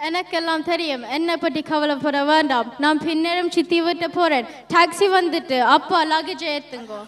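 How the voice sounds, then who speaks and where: A woman's voice: extremely high pitch, moderate pace, fairly bright tone. A woman with a Sri Lankan Tamil accent playing a sulky student daughter in an amateur stage play, complaining to her parents.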